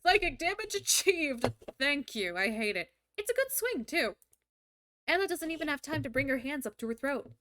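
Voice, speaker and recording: A woman's voice: high voice, sing-song, normal speed, fairly bright tone. A young woman livestreaming as a VTuber, reading a visual novel aloud and breaking off into crude, joking asides. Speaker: VTuber streamer. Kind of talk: live-streamed visual novel reading with commentary.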